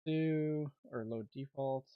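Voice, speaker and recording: A young Canadian man hosts a livestream as an amateur day trader, offering casual, informal trading commentary while thinking aloud. His mid-range voice is slow, the recording is dry, and the sound is phone-quality.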